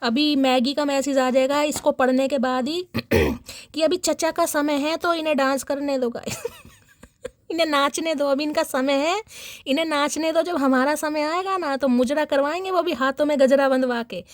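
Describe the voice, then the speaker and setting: A woman's voice: sits high, normal speed, no room sound, studio quality. A young woman giving a casual tarot reading to her viewers, playful and teasing, laughing often. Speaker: tarot reader.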